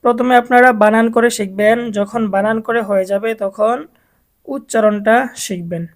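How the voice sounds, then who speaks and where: A woman with a Bangladeshi Bengali accent teaching Quran reading to adult learners, spelling words out syllable by syllable in a slow, deliberate way. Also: mid-range voice, fairly even intonation.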